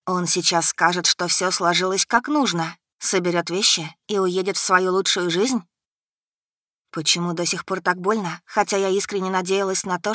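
A woman narrating a first-person audiobook with a measured, expressive reading. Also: on the low side, no echo, studio quality.

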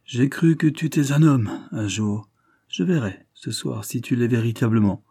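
A man reading as a cold, gray-mustached older gentleman. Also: medium pitch, animated, normal speed, husky, no room sound, clean studio sound. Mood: challenging. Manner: cool, cutting, worldly-wise. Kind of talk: audiobook character reading.

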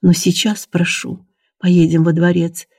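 A man voicing an anxious young noblewoman in an audiobook, who talks in a soft, pleading way. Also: high voice, little pitch movement, normal speed, breathy edge, no echo, clean studio sound.

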